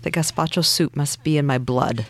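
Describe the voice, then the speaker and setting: A woman's voice: deep voice, normal speed. A woman guest on a radio show, chatting in an opinionated, chatty way. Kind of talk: casual radio chat.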